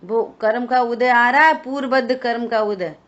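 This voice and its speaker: A woman's voice: fairly high pitch, moderate pace, a bit bright. A woman teaching a scripture study session, explaining points and answering her own questions. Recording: dull lo-fi recording.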